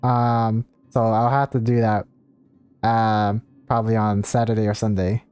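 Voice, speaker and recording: An unhurried livestreamer with a slightly mellow, mid-range voice keeps a fairly flat pitch while casually talking to viewers. The game commentary is easygoing and apologetic, with video game music behind it.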